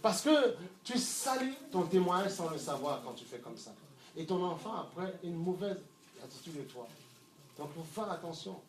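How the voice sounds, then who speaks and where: A middle-aged man preaching a sermon, swinging from loud shouts to low murmurs and repeating words as he searches for them. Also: lively intonation, moderate pace. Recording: echoey room, mic from far off, faint ambience.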